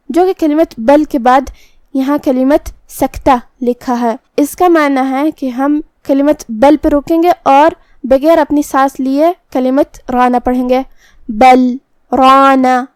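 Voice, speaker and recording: A woman's voice: high-pitched, a little mellow, no echo, studio quality. A woman teaching a recitation lesson, explaining pronunciation rules step by step in a patient, instructional way. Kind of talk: tajweed lesson with slow chanted recitation.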